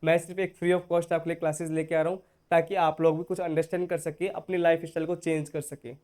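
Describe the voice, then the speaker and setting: A man's voice: on the high side, little pitch movement, quick pace, a little mellow. A man teaching an online spoken-English lesson, explaining step by step and often checking in with his dear students. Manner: addresses viewers as dear students.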